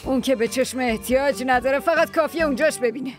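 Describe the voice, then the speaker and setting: A woman's voice: high voice, faint music behind, natural voice. A woman dubbing a bossy older village mother-in-law who scolds and gives orders. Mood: stern. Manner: scolding, commanding. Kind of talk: Persian dub of a TV drama.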